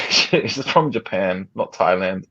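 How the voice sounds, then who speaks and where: A man's voice: sits low, expressive, takes it slowly, bright, forceful tone, slightly rough, dry recording. A man who is a YouTuber chatting casually on a live stream, joking and laughing as he eats. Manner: joking, laughs often, talks while eating. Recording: slightly dull call audio, faint noise.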